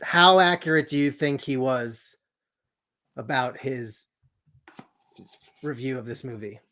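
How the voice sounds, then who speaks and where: A man hosting a casual family podcast at home, playful and quick with asides. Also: medium pitch, sharp tone. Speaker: podcast host.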